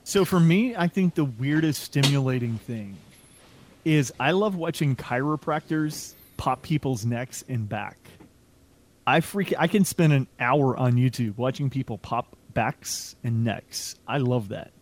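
A man's voice: medium pitch, animated, unhurried. A man in casual podcast chat, full of fillers and swearing freely.

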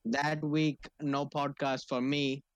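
A man's voice: mid-range voice, flat delivery, slow pace, no room sound, muffled recording. A man co-hosting a podcast in casual, slangy, rambling chat, often repeating his words. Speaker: podcast co-host.

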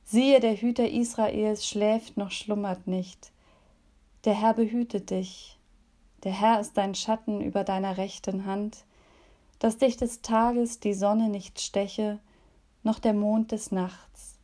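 A woman leading a calm devotion, gently reading a children's story and a psalm, sometimes softly whispering. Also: medium pitch, slow. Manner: gentle, soft, at times whispered.

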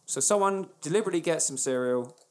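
A man's voice: on the high side, expressive, fast talker, a little mellow. A man with a British accent in casual comic banter as a podcast co-host, sweary and mock-indignant.

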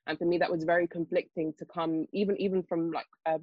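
A young woman of Nigerian heritage raised in the UK, a guest on a discussion panel, talking quickly with many fillers and restarts. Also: on the low side, little pitch movement, no echo, narrow, tinny audio. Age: young adult. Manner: fast, hesitant, lots of fillers and restarts. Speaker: panel guest, children's author.

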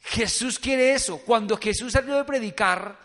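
Brief male pastor, lively sermon, high bright voice, playful. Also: moderate pace. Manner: animated, acts out Bible scenes with funny voices.

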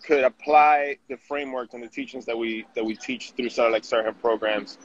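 This guest, a digital marketing director from Venezuela, chats casually in an outdoor interview on a city street, often starting his words again. His medium-pitched voice stays steady and a little fast, and the audio comes through dull with faint noise.

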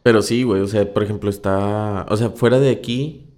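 A young man talks casually with friends, tossing slang into every sentence. His voice sits on the lower side. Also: fairly quick. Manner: slangy, relaxed, peppered with güey. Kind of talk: casual chat among friends.

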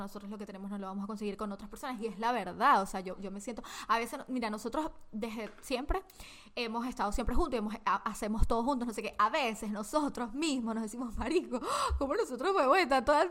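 A woman, co-hosting a podcast in casual chat, animated and emotional, full of slang and fillers, over a video call. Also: on the high side, fast. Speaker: podcast co-host.

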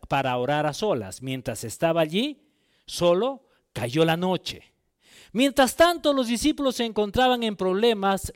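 Male preacher, high and resonant, dry close sound, reads scripture and questions the congregation. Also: clean tone, no room sound. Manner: reads scripture aloud, then asks the listeners rhetorical questions. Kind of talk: sermon with Bible reading.

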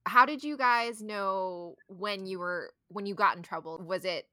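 A woman's voice: mid-range voice, pushed and bright, no room sound, clean studio sound. A woman in casual chat, talkative and curious, often asking questions. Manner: chatty, curious, quick to ask questions.

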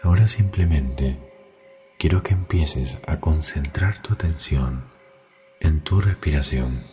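A man, guiding a sleep meditation in a soft, soothing way, with faint music behind. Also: rumbling low, slow pace. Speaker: meditation guide.

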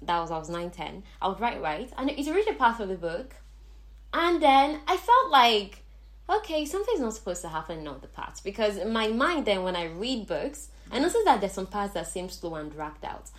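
A woman's voice: mid-range voice, very animated, moderate pace. A woman with a Nigerian accent hosting a podcast in a casual, chatty way, thinking aloud as she goes. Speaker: podcast host. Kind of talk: casual chat.

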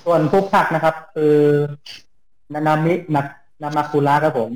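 A polite male guest speaks in a fairly high voice, closing his sentences with formal courtesy. His voice rings out in an echoey room. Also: level tone, moderate pace. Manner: polite, ends lines with a formal khrap phom. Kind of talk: casual chat.

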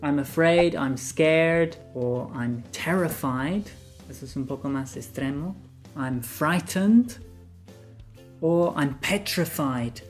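A man's voice: fairly high pitch, takes it slowly, soft background music. A man teaching vocabulary, patiently repeating each word for practice. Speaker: English teacher. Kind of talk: bilingual vocabulary lesson.

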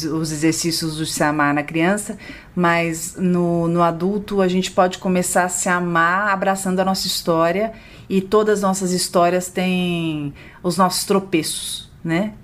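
Casting: woman psychologist, podcast co-host, gentle explanatory delivery. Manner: gentle, explanatory, lively pitch when voicing a parent to a child.

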